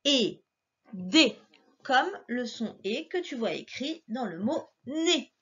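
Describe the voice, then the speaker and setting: Patient woman slowly dictating syllables. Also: fairly high pitch, sing-song, a bit bright, husky, dull audio. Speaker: teacher. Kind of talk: slow syllable dictation lesson for a child.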